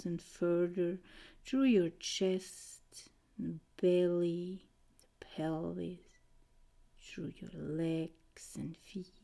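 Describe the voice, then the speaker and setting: A woman guiding a trance meditation in a soothing, mesmerizing way, with short gentle phrases and a soft, breathy voice that often nears a whisper. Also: lowish voice. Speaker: guided meditation narrator.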